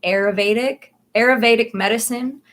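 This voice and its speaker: A woman's voice: on the high side, steady tone, unhurried, a bit bright. A woman in her thirties hosting a casual livestream chat, chatty and rambling, laughing often between thoughts. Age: 30s. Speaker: livestream host.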